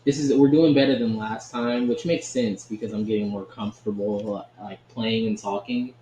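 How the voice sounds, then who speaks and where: A man's voice: lowish voice, steady tone, normal speed, mellow. A man giving casual, chatty commentary while he plays a card game, often laughing and checking in with "right?". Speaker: gaming channel host. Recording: echoey room with faint ambient noise.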